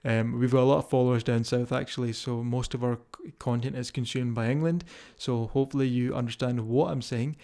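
A fitness coach with a strong Scottish accent hosts a casual motivational podcast, speaking informally and straight to his listeners. His mid-range voice is mellow and brisk, with fairly even intonation and hardly any pauses.

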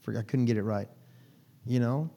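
A man's voice: medium pitch, normal speed, creaky, warm tone. Folksy man preaching casually. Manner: folksy, teasing the congregation by name. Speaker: pastor. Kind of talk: conversational sermon. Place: church.

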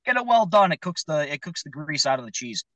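A man's voice: on the high side, fast, no room sound, poor audio. A man, a magician guest, chatting casually. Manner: animated, chatty, acts out quotes. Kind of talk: casual chat.

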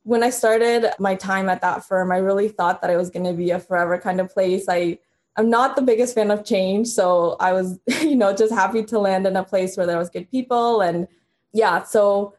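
A woman's voice: mid-range voice, steady tone, moderate pace, a little mellow. A woman in her thirties, originally from Honduras, talking casually as a podcast guest and laughing often. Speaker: guest lawyer.

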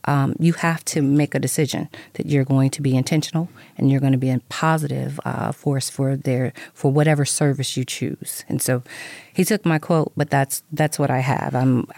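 A woman's voice: rumbling low, fairly even intonation, normal speed, vocal fry, darkish tone, no echo. A woman who is an HR professional, speaking as a radio guest in an earnest, motivational way. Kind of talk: radio interview.

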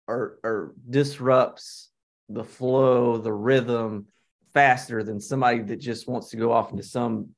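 Podcast co-host, man, medium pitch, opinionated and argumentative. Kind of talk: casual chat.

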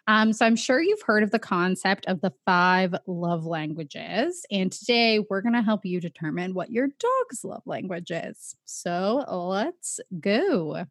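A woman's voice: mid-range voice, lively intonation, a little slow, few pauses, no echo, clean studio sound. A woman co-hosting a podcast on a radio station, chatting in a lighthearted, casual way. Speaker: podcast co-host. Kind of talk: casual chat. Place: radio studio.

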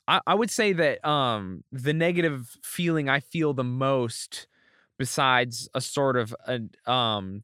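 Candid, animated male podcast guest. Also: mid-range voice, clean tone, no echo, studio quality. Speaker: guest, comedian. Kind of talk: casual podcast interview.

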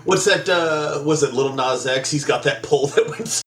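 A man's voice: fairly high pitch, moderate pace, a bit bright. A man co-hosting a casual podcast, a public school teacher rambling with wry, profane banter. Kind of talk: casual chat. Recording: echoey room with faint hum.

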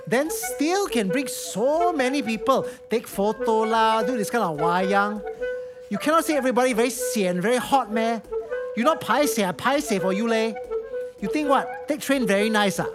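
A man's voice: very high voice, animated, moderate pace, music in the background, voice pushed up. A man voicing an indignant older Singaporean auntie in a story, scolding in Singlish with particles and rhetorical questions.

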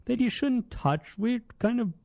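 A man co-hosting a podcast in relaxed, rambling chat, often repeating words as he talks. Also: very high-pitched, a little slow, creaky. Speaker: podcast co-host. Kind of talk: casual chat.

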